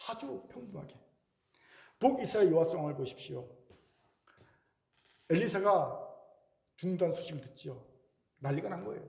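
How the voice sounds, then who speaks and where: Animated high-voiced man preaching in a hall. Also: gravelly. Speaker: pastor. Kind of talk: sermon. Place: church sanctuary. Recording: echoey church hall.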